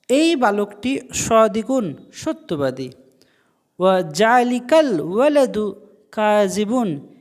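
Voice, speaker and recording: A man teaching an Arabic lesson, saying each phrase slowly and then explaining it. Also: high voice, darkish tone. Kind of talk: online language lesson.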